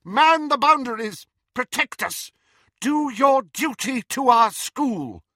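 A man's voice: on the high side, very animated, no echo, clean studio sound, pitched above the performer's own voice, exaggerated voice. Man voicing a stern, commanding witch professor. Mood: rousing command. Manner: brisk, authoritative, sharp.

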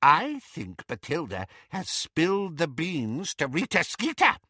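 A man voicing a shrill, gossipy elderly witch with a cheerful, tart and testy manner. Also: huge pitch swings, unhurried, pushed and bright, no room sound, studio quality, exaggerated voice.

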